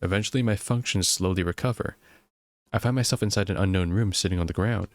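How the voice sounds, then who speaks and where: A young man reading a game's story text aloud in a steady way, sometimes joking about his own misreads. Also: low voice, fast, no echo. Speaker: gameplay narrator.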